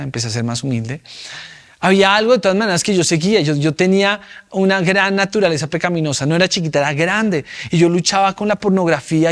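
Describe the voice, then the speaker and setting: Emphatic male pastor preaching. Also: on the high side. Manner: emphatic preaching with rhetorical questions to the congregation. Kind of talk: sermon.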